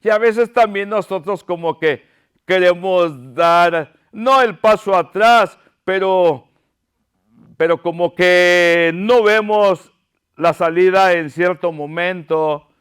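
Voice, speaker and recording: A male pastor delivers a fervent sermon. His voice sits high and sounds smooth and clear. He speaks slowly, pleading and repeating himself for emphasis. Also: a bit bright.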